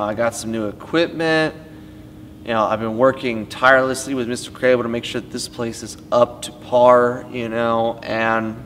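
A man's voice: mid-range voice, a bit bright. A young man in his late teens, a student stage tech, telling stories in a casual interview, full of "like" and "you know," in an empty school auditorium. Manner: rambling, heavy use of "like" and "you know". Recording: reverberant auditorium, faint hum.

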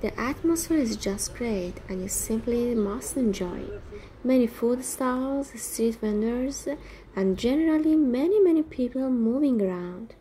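A woman hosting a walking tour video, reading a scripted travel narration in an even, gentle manner as a voice-over. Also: fairly high pitch, measured pace, a little hiss or hum, poor audio. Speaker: walking tour vlog host.

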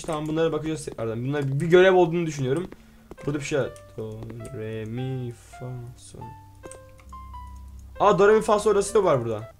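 Man, gaming host, let's play commentary; excitable, slightly higher voice, reads on-screen text aloud. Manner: excitable, exclaims and playfully swears at the game.

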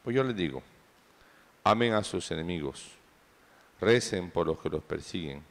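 A priest's deep, unhurried voice carries through a large church. Each measured phrase trails off into a long cathedral echo, the sound of a liturgy in a stone nave. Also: male voice. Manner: slow, measured proclamation. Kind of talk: liturgical reading and homily.

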